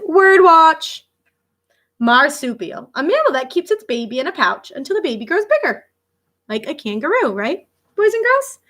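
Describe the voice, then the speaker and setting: A woman teacher with a high-sitting voice reads a children's book aloud expressively and emphatically, adding asides and questions for her young listeners.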